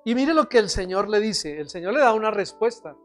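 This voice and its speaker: A pastor in the middle of a sermon, earnest and searching, often turning to the congregation with questions. The voice sits at a middle pitch. Soft instrumental music plays faintly underneath. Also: animated, a little fast. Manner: earnest, questioning the congregation, acting out quoted prayers.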